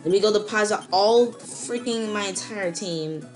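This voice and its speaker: A young woman commentating her own gameplay, ranting in exasperation and jumping up to squealing high notes. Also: unhurried, darkish tone, soft background music. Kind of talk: let's-play commentary.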